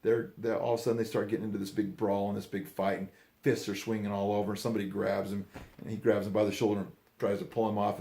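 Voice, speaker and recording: An older man spins family tales in a loose, rambling, folksy way. His voice sits low and gravelly. The room around him is roomy and echoey. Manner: rambling, folksy, acts out quoted yells. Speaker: storyteller. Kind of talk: casual storytelling.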